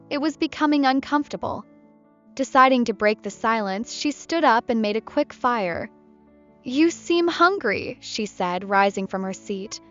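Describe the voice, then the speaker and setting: A woman narrating a scripted romance story in a steady storytelling manner. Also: fairly high pitch. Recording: muffled with soft music behind.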